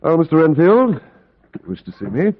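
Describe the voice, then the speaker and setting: An actor playing a melancholy, grieving asylum doctor, brooding and theatrical, in a vintage radio drama. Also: male voice, fairly high pitch, wildly swooping pitch, normal speed. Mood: weary. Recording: muffled old radio recording.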